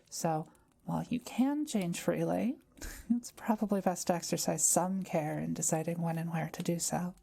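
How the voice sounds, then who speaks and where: In an intimate audio roleplay, a woman plays a kind, calm, scholarly forest witch, explaining things gently and with measure. Her pitch is fairly low, with vocal fry.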